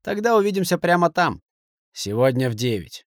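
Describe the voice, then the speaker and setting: A man reading an audiobook, voicing an agitated, hot-tempered middle-aged businessman who shouts and gives orders. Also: fairly high pitch, sing-song, moderate pace, no room sound, studio quality, voice pushed up. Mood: commanding. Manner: raised, shouting, forceful.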